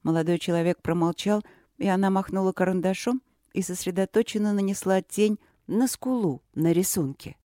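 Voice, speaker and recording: Dry, measured audiobook narrator. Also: medium pitch, warm tone, no room sound.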